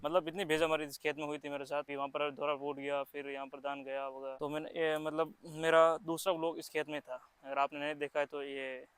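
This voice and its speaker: Young male farm vlogger, quick rambling chat, bright crisp voice on a dry close handheld mic. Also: on the high side, flat delivery, no room sound. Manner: chatty, rambling, with restarts and fillers. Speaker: farming vlogger. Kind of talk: casual outdoor vlog narration. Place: open farm field outdoors.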